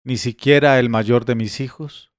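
A man's voice: medium pitch, fairly even intonation, unhurried, clear, resonant tone, no room sound, clean studio sound, close to an everyday voice. A man voicing an anxious rich master who asks one urgent question after another.

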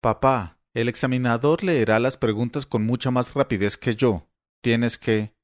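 A man doing a calm, weary grown son. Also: medium pitch, unhurried, no echo, studio quality, natural voice. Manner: calm, flat, tired. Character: patient, weary adult son.

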